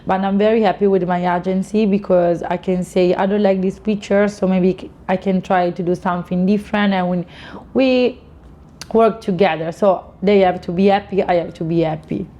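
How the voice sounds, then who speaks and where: A woman's voice: medium pitch, steady tone, normal speed, mellow. A woman in her late twenties with an Italian accent, giving casual interview answers in informal non-native English peppered with "you know". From Italy. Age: late 20s. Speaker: interviewee, fashion model.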